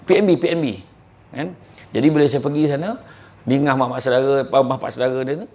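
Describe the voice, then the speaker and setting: A man giving a live motivational talk, telling religious stories and anecdotes in an animated, colloquial and joking way. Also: mid-range voice, fast. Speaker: motivational speaker.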